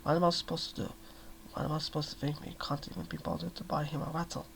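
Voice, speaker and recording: A man voicing a desperate, worn-out young mother who talks in a raw, pleading way, in a soft-spoken ASMR reading. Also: on the high side, little pitch movement, fast talker, gravelly, a little hiss or hum.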